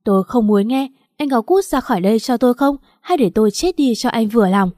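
A woman reading the lines of a young wife who shouts through tears in an audiobook story. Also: a little high, animated, fairly quick, dry recording, clean studio sound, lightly acted. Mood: anguished fury. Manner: shouting, tearful outbursts. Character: young married woman, furious and grief-stricken.

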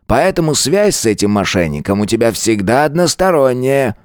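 A man's voice: medium pitch, very animated, normal speed, no room sound, clean studio sound, pitched above the performer's own voice, natural voice. A man voicing a stern older husband who speaks curtly and mockingly to his wife. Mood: cold. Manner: curt, cold, mocking.

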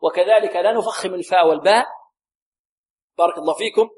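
A man teaching Quran recitation rules, often asking a question and answering it himself, and slowly repeating words to show how to say them. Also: high voice. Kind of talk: tajweed lesson with call-and-response questions.

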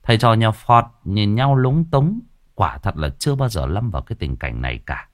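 A man tells a ghost story with lively expression. His voice is very low, and his pitch rises and falls a lot. The recording is dry and close. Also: moderate pace, no room sound. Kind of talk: dramatic ghost story narration.

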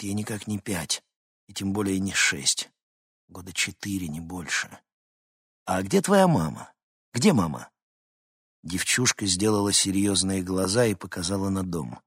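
A man narrating a novel as an audiobook in a measured, tense storytelling manner. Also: sits low, fairly bright tone, husky, dry recording, clean studio sound. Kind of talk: scripted narration.

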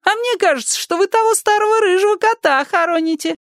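A man voicing a shrill, spiteful elderly woman neighbor who scolds and gloats in a squealing voice. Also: fast talker, fairly bright tone, no echo, clean studio sound. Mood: mocking. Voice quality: shrill, shrieking.

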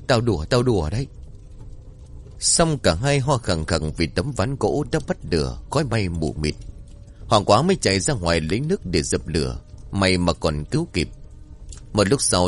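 A man narrating a folk ghost story in a scripted, animated storytelling manner. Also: low-pitched.

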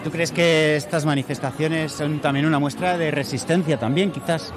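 A man's voice: on the high side, fairly even intonation, moderate pace, music in the background. A man reporting for community radio, interviewing people at a street protest with brief, friendly questions. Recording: outdoor street recording with crowd and traffic noise. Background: crowd and traffic.

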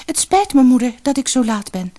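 A woman doing a gentle polite young girl. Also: high-pitched, sing-song, a little fast, pitched above the performer's own voice.

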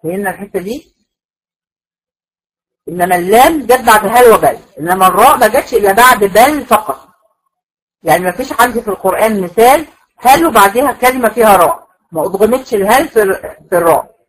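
A woman with an Egyptian accent lectures on Quran recitation, her voice sitting at an ordinary middle pitch. She goes over each rule more than once and keeps checking that her students are following. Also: expressive, quick pace, pauses often, poor audio. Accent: Egyptian Arabic. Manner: patient, repeats points and checks understanding. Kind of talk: classroom lecture.

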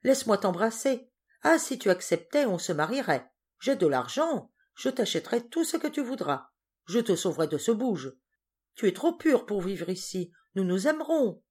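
A woman voicing a poor little man drunk on sudden wealth, declaiming loudly and effusively in a storybook reading. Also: mid-range voice, big pitch swings, moderate pace, breathy edge, pitched above the performer's own voice. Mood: exultant, effusive. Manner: loud, exalted declaiming.

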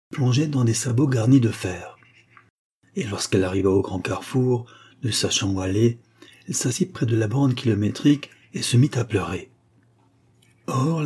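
A male audiobook narrator reading an old fairy tale at an even, measured pace. His voice is mellow and warm, with a soft husky grain, and stays calm and unhurried. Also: lowish voice.

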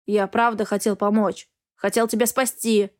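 A woman's voice: mid-range voice, little pitch movement, moderate pace, close to an everyday voice. A woman voicing a secretive, blunt young man who is a cat-like shapeshifter in an audiobook. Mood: defensive. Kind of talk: audiobook character reading.

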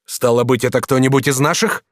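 A man voicing a proud, sly and hot-tempered master artist in an audiobook, speaking firmly and with measured command. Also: mid-range voice, fairly even intonation, no echo, studio quality, voice pushed up, lightly acted. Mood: furious. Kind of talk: audiobook character reading.

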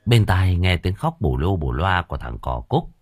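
A man narrating a novel as an audiobook, reading in a colloquial, expressive way with coarse asides. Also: low voice, normal speed, no room sound, studio quality.

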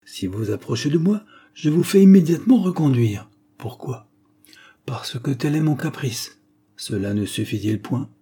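A man reading an audiobook, voicing a gravely ill male detective who speaks weakly and short of breath yet in a sharp, commanding way. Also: mid-range voice, expressive, normal speed, pitched above the performer's own voice. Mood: fierce. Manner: commanding, sharp, abrupt outbursts.

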